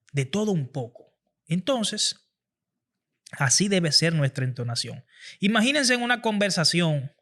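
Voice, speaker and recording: A man's voice: fairly high pitch, a bit bright. A man hosting a podcast, giving an earnest motivational talk on public speaking and repeating phrases for emphasis. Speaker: podcast host.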